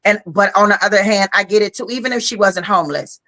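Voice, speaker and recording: A woman co-hosting a podcast talks at a quick pace with a medium pitch and a fairly bright tone. Tired and yawning after a long day, she chats casually, frank and talkative, sprinkling in plenty of "you know."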